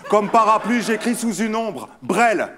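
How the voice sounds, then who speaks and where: A man's voice: sits high, animated, a little slow, a crowd in the background. A young man rapping mocking battle verses a cappella at an opponent. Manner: mocking, sneering delivery. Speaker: battle rapper.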